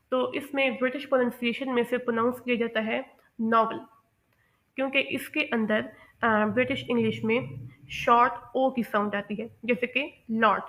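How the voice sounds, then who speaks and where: A woman teaching English pronunciation in a patient, explanatory way, repeating each example word slowly. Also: a little high, fairly bright tone. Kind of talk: explanatory lesson.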